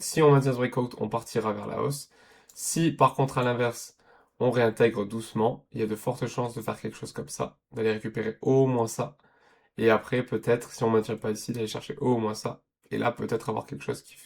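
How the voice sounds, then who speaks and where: Male trading teacher, mid pitch, chatty walkthrough with frequent check-ins. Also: gravelly. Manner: conversational, checks in with "d'accord?" and "ok?"; thinks aloud with restarts and self-corrections. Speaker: trading educator. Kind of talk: screen-share trading lesson.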